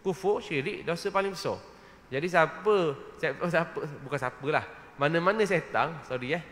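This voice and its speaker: A man's voice: on the high side, moderate pace, fairly bright tone, big-room sound. A man giving an evening lecture in a mosque, talking conversationally and often checking with his listeners. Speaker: religious lecturer. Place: mosque hall.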